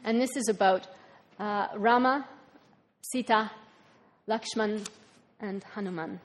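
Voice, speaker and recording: A woman giving an informal talk, explaining religious figures in a measured way. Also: medium pitch. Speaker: speaker at a talk.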